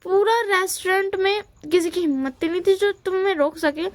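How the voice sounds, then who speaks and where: A woman's voice: very high-pitched, moderate pace, pitched above the performer's own voice. Woman voicing an exasperated middle-aged uncle. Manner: complaining, exasperated.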